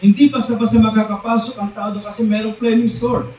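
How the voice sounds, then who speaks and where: A man's voice: high-pitched, little pitch movement, dark tone, slight background noise. Filipino man preaching in an echoey hall. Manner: mixes English scripture with Tagalog, keeps calling the congregation "mga kapatid"; drawn-out, emphatic quoting of lines. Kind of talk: sermon. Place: church hall. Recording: echoey church hall recorded from a distance.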